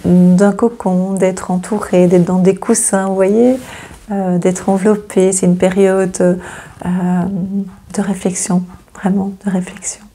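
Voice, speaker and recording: A woman giving a casual, hesitant astrology reading, with many fillers and gentle reassurance. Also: mid-range voice, flat delivery, slow pace. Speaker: astrology channel host.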